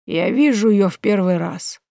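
A woman voicing an elderly village woman over 60, detached and then mockingly knowing, with a slow, rattling voice. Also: a little high, lively intonation, no room sound, clean studio sound, voice pushed up, full character voice. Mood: indifferent. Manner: slow, drawn-out delivery.

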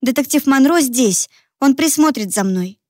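A woman's voice: sits high, animated, moderate pace, warm tone, no echo, studio quality, pitched above the performer's own voice. A woman voicing a resolute young daughter, earnest. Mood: reassuring. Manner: earnest, pleading.

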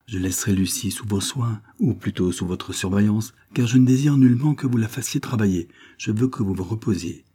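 A man with a husky voice voicing a kind young wealthy wife who warmly insists that her governess stay. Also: lowish voice, brisk, hardly any pauses. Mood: solicitous. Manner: warm, insistent, solicitous.

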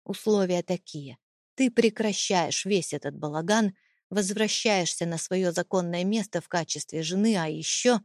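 An icy, domineering husband, as a woman narrator puts him on, speaking with slow contempt and quiet menace in a low register. The audiobook sound is dry and close, with no room around it. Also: no echo, natural voice. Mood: cold menace. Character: cold, contemptuous, domineering husband, adult man. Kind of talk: audiobook character reading.

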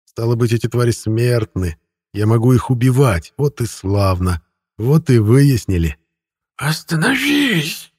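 A man's voice: mid-range voice, moderate pace, mellow, slightly rough, no room sound, studio quality. A man narrating a first-person audiobook in a wry, conversational storytelling manner.

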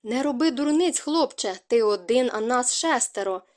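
Lady reading a tough tall outlaw woman, bossy and mocking, pitched up higher, audiobook. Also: lively intonation, moderate pace, a little mellow, lightly acted. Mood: commanding.

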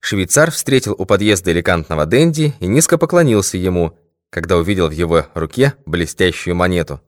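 A man reading a novel aloud as an audiobook narrator, evenly and measured. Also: sits low, lively intonation, dry recording, studio quality. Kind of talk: scripted narration.

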